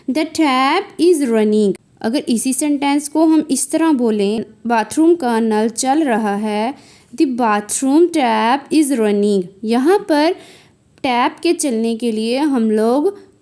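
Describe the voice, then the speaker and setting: A woman teaching English, reading example sentences slowly and clearly. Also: fairly high pitch, warm tone. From South Asia. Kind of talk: spoken English lesson.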